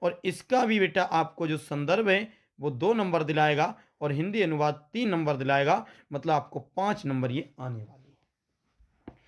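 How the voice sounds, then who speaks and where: With a voice on the high side and lively intonation, a male coaching teacher moves a little slowly through an exam-prep lesson. His western Uttar Pradesh Hindi accent comes through as he calls students "beta" and restates points as questions.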